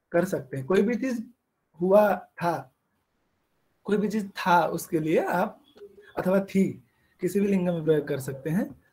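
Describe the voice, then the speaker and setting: A man teaching an online language lesson. He explains in Hindi and reads slow example sentences in Sanskrit. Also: sits high. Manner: asks the class questions and answers them himself.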